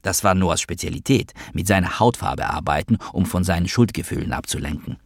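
A man's voice: low voice, a little fast, gravelly, no echo. A man narrating an audiobook in the first person, with a wry, dry delivery. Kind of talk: audiobook reading.

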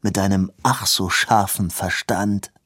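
A man's voice: low-pitched, fairly even intonation, measured pace, fairly bright tone, breathy edge, dry recording, clean studio sound, heavily acted. A man doing a haughty, dismissive lord. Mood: haughty disdain. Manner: disdainful, clipped, affected.

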